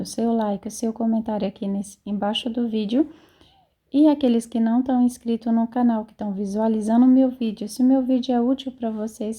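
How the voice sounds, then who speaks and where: A woman with a Brazilian Portuguese accent, a native Portuguese speaker, teaching French in a casual spoken lesson, patiently repeating example phrases slowly. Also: a little high, mellow.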